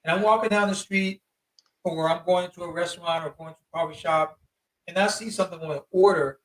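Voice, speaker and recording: High-voiced man telling casual stories. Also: fairly quick, recorded from a distance, poor audio. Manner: animated, slangy, emphatic. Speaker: interview guest, traveler. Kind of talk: casual storytelling.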